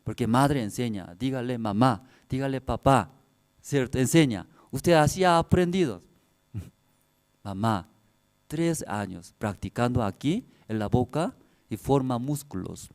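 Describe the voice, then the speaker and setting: A man's voice: mid-range voice, expressive, unhurried, a little mellow. A man preaching a sermon, telling personal stories in simple, broken Spanish with frequent laughter. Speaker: pastor.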